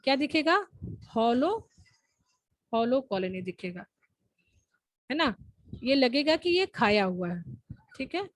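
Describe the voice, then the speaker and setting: High, husky-voiced woman teacher. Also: sing-song, takes it slowly, pauses often, dry recording, rough recording. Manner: explains step by step, asks checking questions. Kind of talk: online class lecture.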